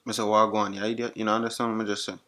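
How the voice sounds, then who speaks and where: A man's voice: lowish voice, flat delivery, rapid-fire, a bit bright, natural voice. A man putting on a brash patois-speaking guy. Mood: teasing. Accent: Jamaican. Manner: teasing, repeats questions, blunt. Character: brash young Jamaican man with a heavy patois accent. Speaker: vlogger chatting with strangers on a voice app. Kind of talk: put-on accent prank chat.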